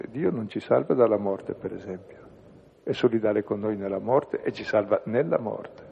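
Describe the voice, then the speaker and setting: A man leading a reflection on a bible passage, slow and measured, trailing off softly at the ends of phrases. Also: medium pitch, gravelly, breathy edge. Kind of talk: spoken reflection on scripture. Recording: echoey hall over a tinny phone-like line.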